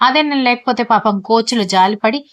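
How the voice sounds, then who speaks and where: A cocky, joking young husband who trains athletes hard, read by a woman narrator. Fast, dry, close reading. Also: very high voice, a bit bright, dry recording. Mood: playful. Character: playful young husband, strict sports coach.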